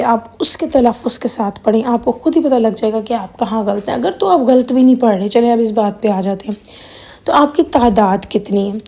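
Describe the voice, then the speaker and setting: A young woman with a hoarse, slightly worn throat talks to her viewers in an earnest, informal way. Her voice sits on the higher side but sounds mellow and dark rather than bright. She slips in English words as she retells a story. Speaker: religious video presenter. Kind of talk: informal spiritual talk to viewers.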